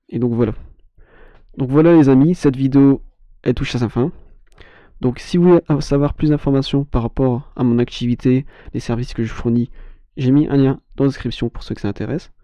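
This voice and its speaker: Mellow-voiced French man teaching web design. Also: mid-range voice, no echo. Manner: meandering, many restarts and fillers. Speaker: web agency owner explaining web design. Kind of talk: casual screen-share tutorial. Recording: dull, slightly lo-fi dry recording.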